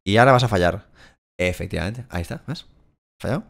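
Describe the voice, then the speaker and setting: Excitable, foul-mouthed Spanish gamer man. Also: on the low side, fast talker, gravelly. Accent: Spain Spanish. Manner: excitable, crude, swears a lot, shouts at the game. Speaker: gaming YouTuber. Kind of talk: casual Let's Play commentary.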